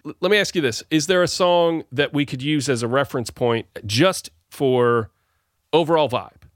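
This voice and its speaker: A man's voice: fairly high pitch, normal speed, dry recording, studio quality. A man hosting a show over a video call, talking in a rambling, playful way and often correcting himself. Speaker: podcast host. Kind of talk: casual songwriting chat.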